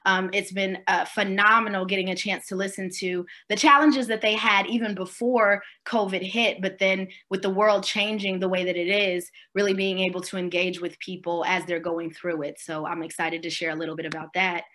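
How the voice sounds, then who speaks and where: A woman in her forties from Swaziland speaks on a video call from a room at home, her voice bright and clear in tone. She talks in a relaxed, conversational way, pausing with fillers and checking in with her listeners. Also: medium pitch. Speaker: keynote speaker. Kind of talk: virtual keynote talk.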